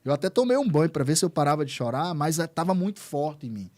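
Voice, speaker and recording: Mellow, higher-voiced pastor, earnest. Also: male voice, very animated, fast. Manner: repeats words and phrases, earnest. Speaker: pastor, guest. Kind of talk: emotional testimony in conversation.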